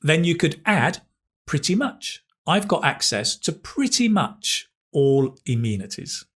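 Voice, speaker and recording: A man who is an English teacher. He interviews a student over a video call and then breaks down the language, praising it warmly and slowing down to stress key words. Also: a little high, big pitch swings, breathy edge. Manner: upbeat, praising, explains slowly with emphasis.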